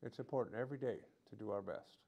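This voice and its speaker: A man preaching a sermon in short, halting phrases with frequent restarts. He often breaks into earnest prayers spoken aloud to God. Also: on the low side, gravelly, mellow.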